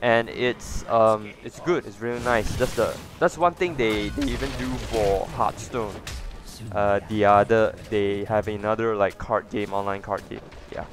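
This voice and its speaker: A man's voice: fairly low pitch, unhurried, soft background music. A man hosting a casual gaming video, chatting loosely with lots of fillers and restarts. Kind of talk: casual gameplay commentary.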